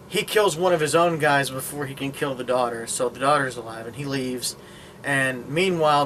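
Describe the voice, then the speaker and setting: A man's voice: mid-range voice, pushed and bright, a little hiss or hum. Man rambling through a sarcastic movie review. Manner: rambling retelling with many fillers and sarcastic asides. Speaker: film reviewer. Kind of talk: casual spoken movie review.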